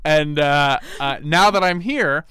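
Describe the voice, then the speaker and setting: A man's voice: fairly high pitch, slow, bright, forceful tone, smooth, no room sound. A man in his twenties hosting a college radio interview in a rambling, playful, casual style with mock-dramatic asides. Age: 20s. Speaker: college radio show host.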